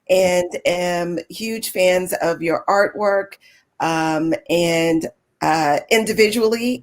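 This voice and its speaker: A woman hosting an artist conversation over a video call, upbeat and enthusiastic, chatty with frequent fillers. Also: fairly low pitch. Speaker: gallery host.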